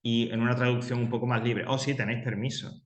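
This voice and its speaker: A man's voice: medium pitch, little pitch movement, fast, reverberant. A man teaching English grammar to a class, patiently explaining and repeating example sentences. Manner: patient, repeats key points, reads example sentences aloud.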